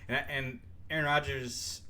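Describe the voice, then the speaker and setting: A man's voice: medium pitch, level tone, measured pace, bright, forceful tone, a little hiss or hum. A young man co-hosting a sports podcast, chatting casually and rambling with lots of fillers and laughs. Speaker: podcast co-host.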